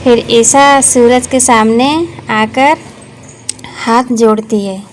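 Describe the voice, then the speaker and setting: A woman slowly retelling a TV serial's plot in a casual, halting way, with many pauses. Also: a little high, steady tone, slight background noise. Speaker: TV serial recap narrator. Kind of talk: casual spoken story recap.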